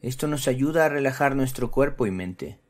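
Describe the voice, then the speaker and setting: Casting: male children's explainer presenter, mid-pitched, highly animated intonation, instructive scripted read. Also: moderate pace. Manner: instructive, addressing children directly. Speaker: presenter of a children's psychology channel.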